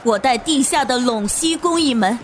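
A man voicing a vengeful middle-aged female wet nurse in an audiobook, with shrill, mocking, manic laughter. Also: animated, moderate pace, slight background noise. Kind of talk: audiobook character voice.

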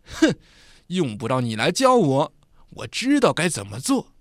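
A man voicing a menacing, domineering man fresh out of prison who bullies and sneers in a loud voice. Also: on the high side, wildly swooping pitch, a little slow, no room sound, studio quality. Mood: sneering.

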